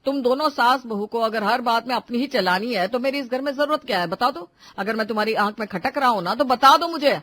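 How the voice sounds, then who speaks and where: Actor voicing a young cartoon husband, sulky, sarcastic, short-tempered, mid pitch. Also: brisk, hardly any pauses, fairly bright tone, lightly acted. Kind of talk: Hindi cartoon voice acting.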